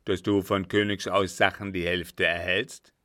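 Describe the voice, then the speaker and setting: A man's voice: sits low, level tone, measured pace, fairly bright tone, no room sound, clean studio sound. A man voicing a selfish, scheming old man who mocks and bargains in a sardonic, calculating way.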